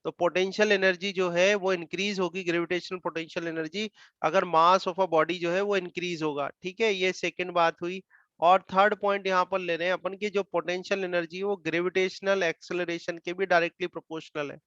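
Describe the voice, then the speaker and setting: A man with an Indian accent teaching physics, explaining slowly and repeating terms, dictating English definitions word by word. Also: high-pitched, flat delivery, fairly bright tone, clear, resonant tone, dry recording. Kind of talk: classroom lecture. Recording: dull muffled dry sound.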